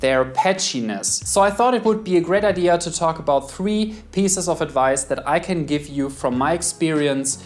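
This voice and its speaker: A man with a German accent appears as a guest beard expert, giving earnest, methodical advice straight to camera in numbered tips. His voice sits on the high side, at a moderate pace with few pauses.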